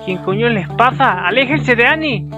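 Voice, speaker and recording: A man commentating a video game as he plays, reading the dialogue aloud and swearing and talking to himself in an excitable, chatty way. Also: very high voice, moderate pace, music in the background. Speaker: gameplay commentator.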